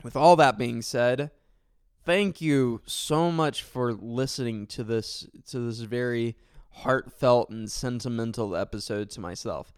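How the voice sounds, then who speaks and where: A male podcast host chats on his own in an unhurried, rambling way, stumbling over words and filling gaps with ums. His voice is smooth and clear. The sound is dry, with no room around it. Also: medium pitch, dry recording. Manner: rambling, self-correcting, full of fillers; sincere and thankful. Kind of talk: casual solo podcast talk.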